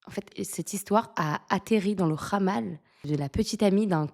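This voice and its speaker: A woman's voice: mid-range voice, moderate pace. Chatty French woman telling stories. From France. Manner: animated, laughs often, many fillers. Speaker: podcast guest. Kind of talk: casual storytelling interview.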